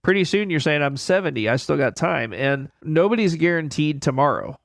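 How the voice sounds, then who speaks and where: A man's voice: on the high side, lively intonation, brisk, vocal fry, no echo, studio quality. A man giving financial advice on a radio show, plain-spoken and folksy, repeating his key points. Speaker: financial advisor guest. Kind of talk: conversational expert explanation.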